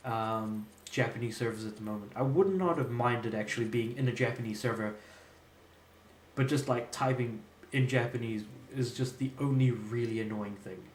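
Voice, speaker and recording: A man's voice: mid-range voice, normal speed, slight background noise. A young man from Australia, chatting casually and rambling while streaming a game. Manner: rambling, laid-back, self-amused. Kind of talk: casual live-stream chat. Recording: echoey room.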